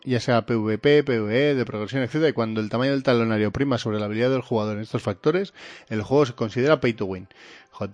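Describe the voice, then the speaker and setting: A man who co-hosts a stream, reading viewer comments aloud and chatting casually. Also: medium pitch. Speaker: co-host.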